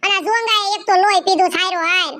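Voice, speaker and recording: A woman's voice: very high-pitched, steady tone, fast, pushed and bright. A woman in a village comedy skit, coaxing and persuasive. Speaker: comedy video co-host.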